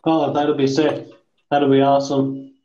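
A man hosting a casual podcast with crude, dark joking, recorded in an untreated room that sounds like the inside of a fishbowl. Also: mid-range voice, completely flat delivery, unhurried, roomy sound, highs cut off, crowd noise. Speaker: podcast host. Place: echoey room, not soundproofed.

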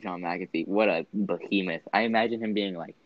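Very deep-voiced joking young man. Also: brisk, highs cut off. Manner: animated, joking, laughs often. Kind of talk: casual chat.

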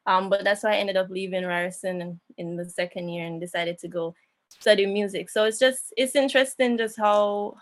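A woman's voice: mid-range voice, no echo. Reflective young woman, dry sound. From Jamaica. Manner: reflective, with many fillers and restarts. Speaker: interviewer and musician. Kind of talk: casual conversation.

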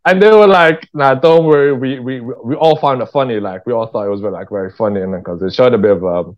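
On a dull, lo-fi recording, a man from England speaks fast at a medium pitch. He's a writer-director being interviewed, and he tells his stories casually, candidly, and with slang.

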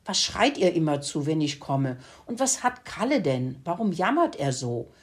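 A woman's voice: low voice, sing-song, normal speed. A woman voicing a curious, eager male rat in a farmyard story.

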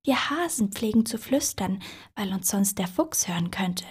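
A woman's voice: a little high, expressive, a little slow, mellow, slightly rough, voice pushed up, full character voice. A woman voicing a very polite, timid male hare in a storybook reading, in whispered role-play with an overly courteous manner.

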